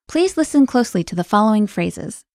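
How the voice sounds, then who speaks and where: A woman co-hosting a scripted language lesson podcast, explaining clearly and brightly. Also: medium pitch, sing-song, a little fast, noisy background.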